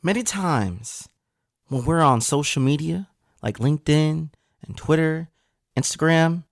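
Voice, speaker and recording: A man hosting a podcast, giving an energetic, emphatic motivational monologue straight to the listener. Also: on the high side, measured pace, soft background music. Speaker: podcast host.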